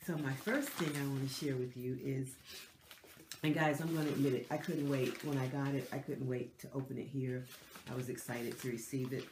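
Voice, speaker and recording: A lifestyle channel host, a middle-aged woman, talks casually to camera in her decorated living room with an extremely low voice, fairly even intonation and moderate pace. There's reverb and background noise, and a cold makes her stuffy and nasal as she chats warmly with plenty of fillers and restarts.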